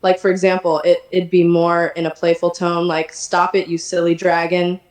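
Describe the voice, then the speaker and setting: Sassy chatty poodle girl done by a tts woman voice, kinda low, echoey. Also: completely flat delivery, moderate pace, darkish tone. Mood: playful. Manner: chatty, teasing, affectionate. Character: sassy energetic female poodle chatbot. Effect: text-to-speech voice.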